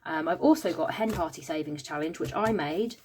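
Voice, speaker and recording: A woman's voice: low-pitched, brisk, darkish tone, slight background noise. A British woman in a casual budgeting vlog, tired and yawning, counting money aloud with many "um" fillers. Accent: British English. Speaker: budgeting vlogger. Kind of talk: casual cash-stuffing vlog chat.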